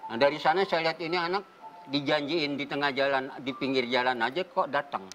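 An older man, a theater group founder and talk show guest, telling the story in a measured, earnest way and stopping to search for words. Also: fairly high pitch, steady tone, fairly bright tone, soft background music, poor audio.

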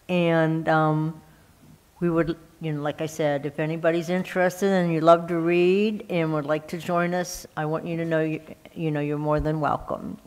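Slow, hesitant woman giving church notices. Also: sits low, low-quality recording. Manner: hesitant, many fillers. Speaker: church member giving announcements. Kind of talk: church announcements.

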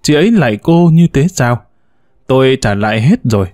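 A man narrating a novel aloud in a vivid, expressive storytelling manner. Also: mid-range voice, normal speed, no echo, clean studio sound.

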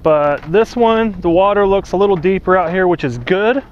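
A young man filming his magnet fishing outdoors on a lake dock, chatty and excitable, talking to his viewers. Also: sits high, normal speed, dull audio, slight background noise. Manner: excitable, chatty, keeps addressing viewers as boys. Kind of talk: excited outdoor vlog commentary. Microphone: action camera worn on the body.

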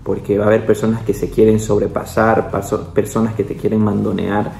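A young man with a low, warm voice, chatting casually as he recounts a story to the camera. His speech is loose and conversational, full of small tag questions and asides. The sound carries a roomy echo. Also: monotone, fairly quick, vocal fry, a little hiss or hum. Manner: chatty, peppers speech with "¿no?" and "o sea"; acts out quoted voices, with the pitch jumping up. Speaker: doctor.

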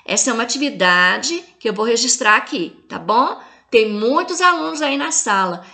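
A woman teacher with a Brazilian Portuguese accent, giving a recorded video lesson to young pupils. She walks through the homework step by step and talks to the children warmly and affectionately. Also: on the high side, expressive, normal speed. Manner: clear step-by-step instructions. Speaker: primary school teacher.

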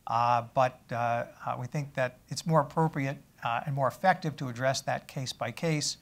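A middle-aged man, a government official on a conference stage, answering audience questions in a measured, halting way with many fillers. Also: mid-range voice. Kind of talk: panel Q&A answers.

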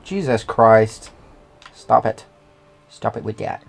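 A woman hosting a co-op let's-play, chatting casually, excitable and swearing at the game. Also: extremely low pitch, slow, creaky. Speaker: co-op gaming host.

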